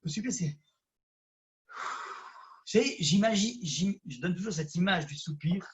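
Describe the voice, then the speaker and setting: A rabbi from France with a Parisian accent, giving a conversational lesson that swings from loud emphasis to hushed asides. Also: male voice, high-pitched, expressive, measured pace. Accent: Parisian French. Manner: addresses listeners directly, conversational. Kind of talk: lively Torah lesson.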